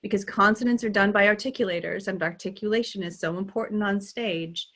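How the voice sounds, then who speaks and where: A woman's voice: medium pitch, brisk. Chatty woman dialect coach. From United States. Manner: animated, laughing often, with many restarts. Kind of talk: conversational interview.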